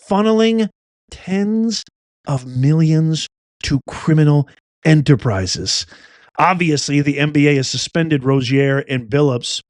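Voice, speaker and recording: A middle-aged man hosts an opinionated news commentary with a fairly high voice. He reads reports aloud and then breaks in with blunt, animated opinions. The sound is dry and close, with no room around him. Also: no echo. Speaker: host.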